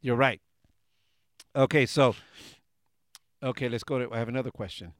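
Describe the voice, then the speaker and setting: A man's voice: medium pitch, normal speed, dry recording, clean studio sound. A man hosting a political talk and quiz show from a garage, argumentative and jokey, often pushing to hold the floor. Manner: argumentative, jokey, talks over others.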